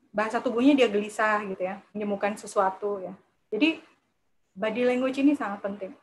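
A woman giving a lively public speaking workshop to a live audience, talking in a chatty way and acting out timid speakers. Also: a little high, slight background noise, poor audio. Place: lecture room with a live audience.

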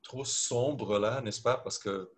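Over crowd noise, a Brazilian panelist and teacher speaks slowly in French with a Brazilian Portuguese accent on a round-table video call. His mid-range voice sounds hesitant, and he often adds "d'accord?" to check in.

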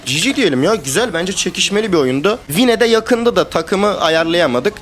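A young man streaming a video game, talking to his teammates in casual live commentary that swings between calm planning and excited shouting and swearing. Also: sits high, normal speed, a little hiss or hum. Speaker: gamer streamer.

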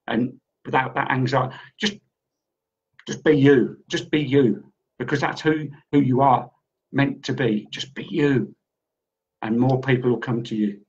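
A man co-hosting, giving a casual spiritual reading in a rambling way and often repeating himself. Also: mid-range voice. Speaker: psychic reader and co-host. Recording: dull lo-fi audio.

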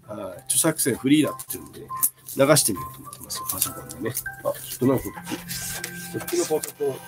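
A man's voice: medium pitch, lively intonation, fast, over music. A man in his fifties selling bags on a casual live stream, chatting and answering viewer comments as he shows each item. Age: 50s.

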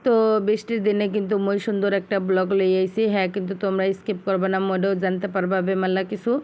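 A woman's voice: mid-range voice, level tone, fast talker, a little mellow. A woman speaking with a Barishal Bengali accent, chatting casually and directly to her viewers in a home vlog. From Bangladesh. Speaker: vlogger.

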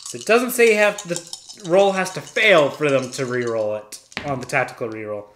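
A man's voice: fairly high pitch, moderate pace, a bit bright, slight background noise. A man casually narrating a solo tabletop wargame, calling out each dice roll step by step and thinking aloud. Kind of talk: casual play-by-play of dice rolls. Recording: echoey room.

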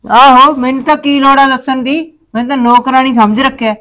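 A woman's voice: sits high, level tone, a little fast, fairly bright tone. A woman acting a middle-aged village mother in a family drama, with a Punjabi accent and a nagging, anxious aunty manner. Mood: grumbling. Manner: Punjabi aunty way of talking, grumbling and fretting.

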